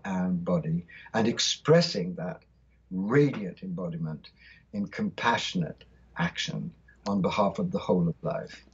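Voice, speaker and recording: A man's voice: sits low, darkish tone, slightly rough, lo-fi sound. A man in his sixties from South India, telling a spiritual vision with fervent, rhythmic phrasing as an interview guest. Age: 60s. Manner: fervent, rhythmic, lingering on lists of words. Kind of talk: impassioned spiritual storytelling.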